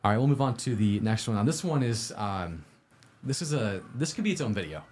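A man with a fairly low voice hosts a casual livestream. He delivers advice in an upbeat, orderly vlogger manner, talking informally and directly to his viewers and often putting questions to them. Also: animated, brisk, a little mellow, slight background noise. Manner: informal, conversational, posing questions to the audience. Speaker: host of a live-streamed IT study show.

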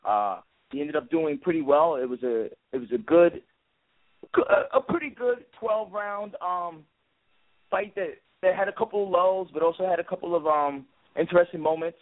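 Man, slightly high pitch, halting sports commentary, narrow telephone sound. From Brooklyn, New York. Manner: halting, filler-heavy delivery. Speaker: guest boxing writer and analyst. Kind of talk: conversational sports analysis. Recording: tinny phone-like line.

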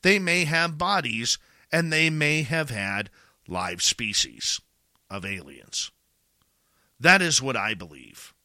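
Male Canadian commentator, very bright forceful tone, emphatic and rhetorical, captured close and dry. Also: medium pitch, sing-song, dry recording. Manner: emphatic, rhetorical questions, deliberate pauses. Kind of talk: opinion commentary to audience.

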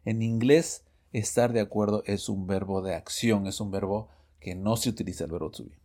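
A man teaching English phrases in a Spanish-language lesson podcast, lively and self-correcting, reading the example sentences slowly. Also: lowish voice. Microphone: studio microphone, audio only.

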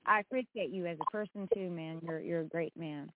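A woman's voice: lowish voice, a little fast, slight background noise. A woman co-hosting a casual group voice chat, effusive and encouraging, with slangy talk peppered with "man" and "dude". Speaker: co-host of a music show. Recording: narrow-band, dry online voice chat.

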